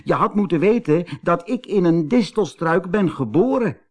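A man voicing a cheeky, boastful young male rabbit trickster in a storybook, squeaky and bossy. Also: lively intonation, normal speed, darkish tone. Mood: gloating. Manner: squeaky, bossy and pleading by turns.

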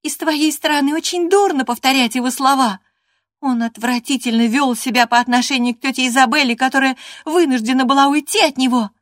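A woman's voice: on the high side, normal speed, no room sound, studio quality, pitched above the performer's own voice, close to an everyday voice. A woman reading an audiobook voices a spirited, stubborn teenage girl with a vehement, indignant manner. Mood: furious.

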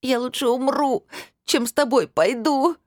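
A woman's voice: medium pitch, expressive, normal speed, a little mellow, husky, dry recording, studio quality, voice pushed up. A woman reading an audiobook voices a stubborn teenage girl who wails and talks nasally through her sobs. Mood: tearful. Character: sobbing stubborn teenage girl, sulky then eager.

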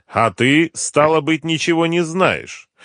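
A cruel male gang boss mocks and threatens his captive, as a man voices him. The voice sits high and loud, swinging widely in tone. The audiobook sound is dry and close. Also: sing-song, measured pace, dry recording, full character voice. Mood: mocking. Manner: sneering, bullying interrogation.

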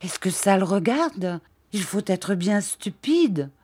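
A woman's voice: medium pitch, very animated, slow, darkish tone, slightly rough, pitched above the performer's own voice, exaggerated voice. A woman reading an audiobook, voicing a fretful, childish young woman who pleads and pouts. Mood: petulant pleading. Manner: pleading, whiny and breathless.

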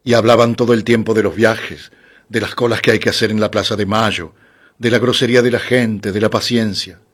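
A man giving a calm, scripted reading of a literary short story. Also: lowish voice, a little fast. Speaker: audiobook narrator.

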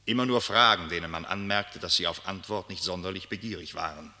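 Acting in a German literary radio play, a performer gives full character voice to a brooding, reserved married nobleman troubled in conscience by a letter. Deep-voiced and precise, he reads it gravely and reproachfully with muttered asides, a little fast and sharp in tone.

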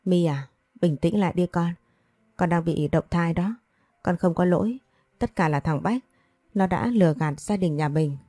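A woman's voice: lowish voice, moderate pace, dark tone, dry recording, close to an everyday voice. A woman reading the lines of a worried, protective middle-aged mother in a storybook, with an earnest, scolding manner. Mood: consoling.

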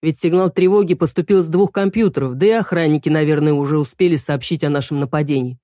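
A woman voicing a steady, practical young man who gives firm orders. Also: sits low, quick pace, no echo, clean studio sound, natural voice. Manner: firm, matter-of-fact.

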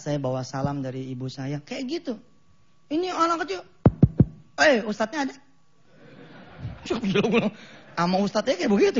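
Middle-aged male preacher with a Jakarta Betawi accent; high-pitched, playful, acts out voices; muffled lo-fi broadcast recording. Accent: Betawi-flavored Jakarta Indonesian. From Indonesia. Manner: lively, jokey, acts out quoted voices, laughs at own jokes. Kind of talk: sermon. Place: mosque.

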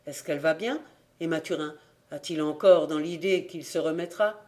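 A man's voice: fairly high pitch, normal speed, darkish tone, lightly acted. A man reading an audiobook, voicing a young son who left the farm, speaking defensively and a little sheepishly. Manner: evasive and defensive, half-sheepish.

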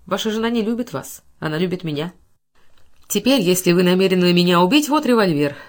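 A woman reading an icy, calm male banker. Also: fairly low pitch, a little fast, natural voice. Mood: cold.

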